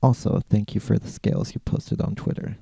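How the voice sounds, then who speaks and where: Gravelly, dark-voiced American man. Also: on the low side, fairly even intonation, brisk, dry recording. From California, USA. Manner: laid-back, rambling, with many "like" fillers. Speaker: podcast host answering listener questions. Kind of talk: casual Q&A chat.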